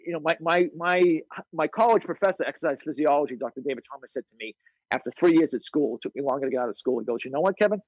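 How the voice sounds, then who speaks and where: A man who works as a fitness coach, telling stories as a podcast guest in a blunt, profane, animated way. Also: a little high, fast talker, dry recording, low-quality recording. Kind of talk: casual interview storytelling.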